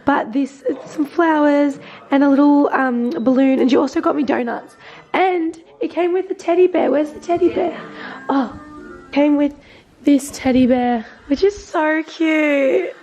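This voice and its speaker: Young woman, hoarse, high voice, chatty vlog, music underneath. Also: unhurried, darkish tone, highs cut off. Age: early 20s. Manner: chatty, gushing. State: losing her voice, hoarse. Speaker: vlogger. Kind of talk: casual vlog chat. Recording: background music.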